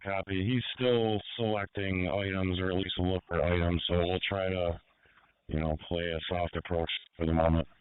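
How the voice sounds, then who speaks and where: Man, deep voice, flat intonation, measured police radio updates, narrowband. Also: a crowd in the background. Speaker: surveillance observer on police radio.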